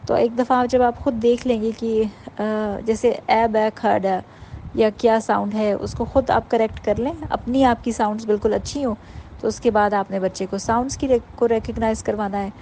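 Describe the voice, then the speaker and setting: A woman giving an informal workshop talk to mothers, explaining patiently and sounding out letters slowly. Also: a little high, steady tone, mellow, slight background noise, low-quality recording. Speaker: parenting workshop teacher.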